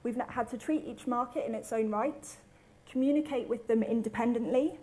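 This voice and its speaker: A woman's voice: a little high, a little fast, dark tone, poor audio. A woman from the UK, giving a rehearsed conference presentation with brief fillers. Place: conference hall.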